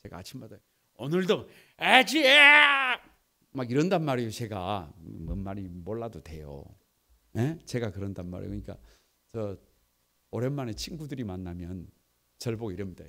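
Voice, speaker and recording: Animated male preacher, loud and soft by turns. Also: on the low side, brisk, creaky. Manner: animated, swings from soft asides to loud exclamations; leads congregation in reading aloud. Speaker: pastor. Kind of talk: lively sermon.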